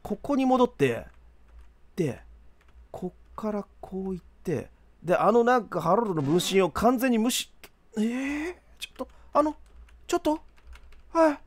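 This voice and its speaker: A young man doing let's play commentary, rough-talking and exasperated, laughing often. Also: sits high, big pitch swings, measured pace, pauses often. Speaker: game commentator.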